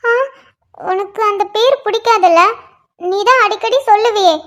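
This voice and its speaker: A woman with a very high, slightly bright voice, speaking at normal speed, voices a young wife in a cartoon. The emotional character is whiny, sulky and tearful at times, then bubbly, joyful and delighted, with an overall happy mood.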